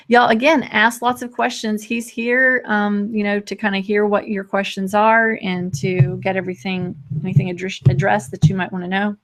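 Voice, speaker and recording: A woman hosts a live screen-share walkthrough of software, speaking quickly in a casual, chatty way. She often breaks off and restarts sentences and laughs lightly as she moves between points. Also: mid-range voice, flat delivery. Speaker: host demonstrating software.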